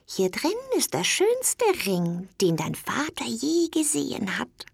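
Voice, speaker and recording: A woman voicing a kind, wise old female toad from a storybook, speaking in a soft, whispery voice. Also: fairly high pitch, big pitch swings, slow, gravelly, husky, no room sound, voice pushed up, exaggerated voice. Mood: gentle.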